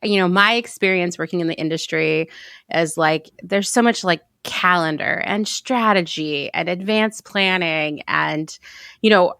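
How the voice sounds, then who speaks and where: A woman's voice: lowish voice, a little slow, fairly bright tone, clear, resonant tone, no echo, studio quality. A woman hosting a podcast interview, laughing often and asking loose, casual questions. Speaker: podcast host.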